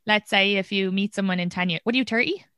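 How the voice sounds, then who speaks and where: A woman's voice: mid-range voice, fast, fairly bright tone, clean tone, dry recording, studio quality. A woman, hosting a podcast in a chatty way and laughing often. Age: 30s. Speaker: podcast host. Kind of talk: casual podcast chat.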